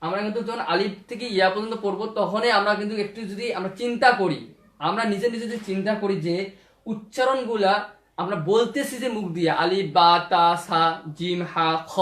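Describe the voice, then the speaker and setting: High-pitched man teaching letter sounds. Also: fairly bright tone. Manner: slow, repetitive drilling of letters and vowel marks. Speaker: Quran reading teacher. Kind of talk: spoken lesson on Arabic letter sounds. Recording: echoey room.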